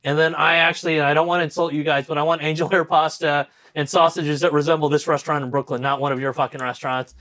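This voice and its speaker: A man's voice: fairly high pitch, fast talker, hardly any pauses, dry recording. A man hosting a podcast, telling stories in casual chat, swearing often and talking with energy. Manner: profane, storytelling, animated. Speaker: podcast host.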